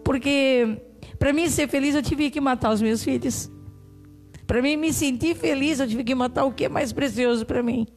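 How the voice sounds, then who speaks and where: A woman's voice: sits high, moderate pace, a little mellow, faint music behind. A woman giving a religious testimony, telling her story and replaying the conversations in it. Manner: storytelling, acting out the dialogue she reports.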